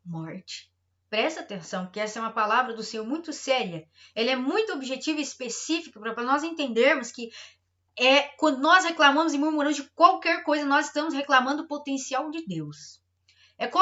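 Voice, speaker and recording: A woman's voice: a little high, sharp tone, lo-fi sound. A middle-aged woman pastor preaching a sermon, emphatic and repetitive, acting out everyday complaints.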